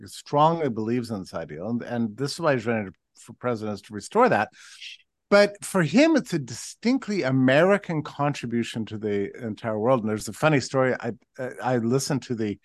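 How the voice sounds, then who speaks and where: A man's voice: mid-range voice, dry recording, clean studio sound. A man from Texas talking as a podcast guest, rambling with restarts and telling stories animatedly. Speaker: guest commentator. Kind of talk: casual conversational analysis.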